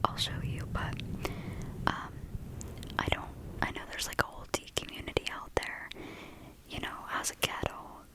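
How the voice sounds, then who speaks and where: A woman speaks entirely in a soft, breathy ASMR whisper. She is very close to the microphone. Her delivery is calm and casual, rambling along like an intimate chat from a channel host. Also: poor audio.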